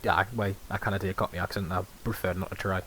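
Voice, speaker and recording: A man's voice: deep voice, little pitch movement, very fast, fairly bright tone. A young man with a Sunderland accent, co-hosting a podcast, making dry, sweary, offhand remarks about ghosts. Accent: Sunderland (Mackem). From Sunderland, England. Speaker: podcast co-host. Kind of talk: casual chat about ghost stories. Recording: faint hiss.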